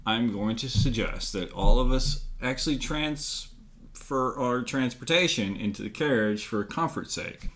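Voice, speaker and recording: A man voicing a fussy, overly polite gentleman who stammers and hedges in a tabletop game. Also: medium pitch, animated, a little slow, voice pushed down. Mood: hesitant.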